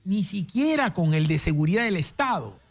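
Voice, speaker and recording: Husky, emphatic Peruvian man. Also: high-pitched, big pitch swings, normal speed, soft background music. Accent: Peruvian Spanish. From Peru. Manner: emphatic, storytelling. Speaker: interview guest. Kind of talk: animated political conversation.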